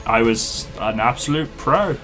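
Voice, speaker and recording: With soft background music playing, a man comments on a game he's live-streaming and talks informally and matily with his viewers. His voice is medium-pitched and a bit bright, with lively intonation and a measured pace.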